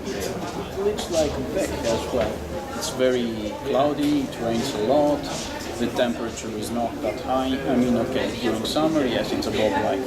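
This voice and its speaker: A man's voice: medium pitch, echoey room. Hesitant young man, crowd noise behind. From Greece. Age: 20s. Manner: hesitant, many fillers and restarts. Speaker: interviewee, exchange student. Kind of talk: casual interview answers.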